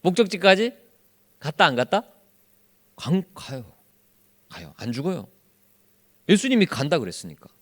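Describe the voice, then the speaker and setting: A man's voice: on the high side, normal speed, pauses often. A male pastor leading a Bible study sermon who keeps quizzing his congregation with questions. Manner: acts out quoted speech in lively voices.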